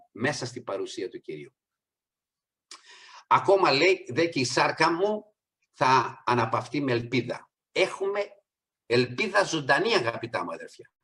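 This middle-aged preacher, at a medium pitch, calls his congregation brothers and sisters. His sermon moves between quiet asides and loud, emphatic high points.

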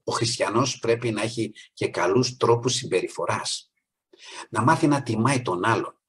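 A man's voice: medium pitch, a bit bright, slightly rough. A man preaching a sermon, earnest, rising on key points and acting out the people in his stories.

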